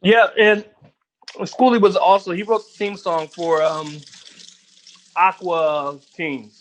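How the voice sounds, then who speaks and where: A middle-aged guest rapper from Philadelphia tells stories during a casual interview in his home kitchen while he cooks, laughing often and swearing freely. His voice sits high and his pace is slow, and he comes across as an animated, laughing storyteller.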